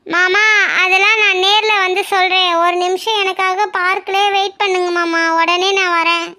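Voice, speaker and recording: A woman plays a shy young cartoon heroine in love, whose very high, bright voice comes out soft and timid. She pleads gently and never raises her voice in anger. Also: level tone, moderate pace. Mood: pleading. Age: young adult. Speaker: cartoon character. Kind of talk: Tamil cartoon voice acting.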